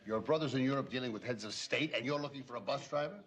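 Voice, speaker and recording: A man's voice: medium pitch, a bit bright, lightly acted. An actor playing a domineering older father. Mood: commanding. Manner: brisk, commanding, scolding. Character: domineering older father, former government man.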